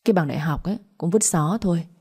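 A woman voicing a harsh, spiteful middle-aged mother who taunts and curses in a shrill voice. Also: fast, a little mellow, breathy edge. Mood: scornful.

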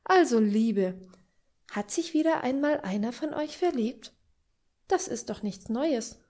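A curious, flirtatious society lady from an audiobook, as a woman reads her, full of teasing, eager questions. Her pitch lifts and swings brightly, though her tone stays warm and mellow. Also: animated, unhurried. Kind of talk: audiobook reading.

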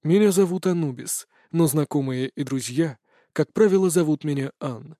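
A man voicing a cold, calm ancient male god of death who speaks unhurried and mocking. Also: a little high, no echo, clean studio sound, natural voice.

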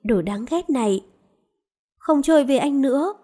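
A hot-tempered young heroine from a storybook romance speaks with reproach, as a woman narrator reads her. The voice is mellow and pitched fairly high. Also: lively intonation, normal speed. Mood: sulky.

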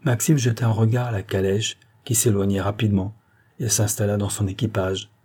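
A man narrating a classic novel as an audiobook, measured and even. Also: lowish voice, husky.

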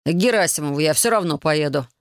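A woman's voice: low-pitched, animated, no echo. A woman reading an audiobook voices a stubborn, hot-headed younger brother who bristles and pushes back, in a dry, close recording. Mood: defiant. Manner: defiant, quick to bristle.

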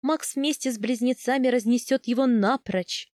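A woman voicing a brisk, wry noble mother in a storybook reading. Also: a little high, a little mellow, dry recording, studio quality, lightly acted.

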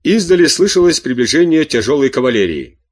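A man reading a classic novel aloud as an audiobook narrator, steady and measured. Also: fairly high pitch.

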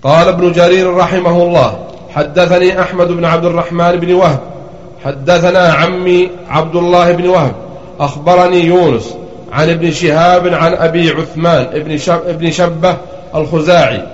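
A man's voice: fairly high pitch, fairly even intonation. Man reciting a classical text, echoey. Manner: measured recitation with a slightly chanted lilt. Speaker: student reading the text aloud. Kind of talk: reading a classical text aloud in a lesson. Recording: lo-fi recording in an echoey room.

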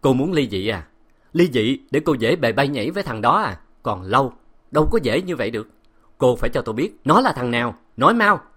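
A man playing a jealous, cruel husband who shouts harsh commands. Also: medium pitch, big pitch swings, fairly quick, pitched above the performer's own voice. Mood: furious.

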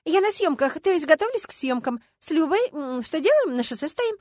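Brief: narrator doing an excitable young woman, high, exclaiming, dry close sound. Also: a little fast, no room sound. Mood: flustered. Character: excitable young woman driver, indignant, flustered.

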